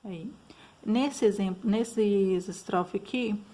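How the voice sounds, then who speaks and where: A woman's voice: medium pitch, slow pace, dark tone. A woman teacher with a Brazilian Portuguese accent, patiently explaining school exercises, often checking in with her students. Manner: patient, frequent fillers and checks like "tá bom?".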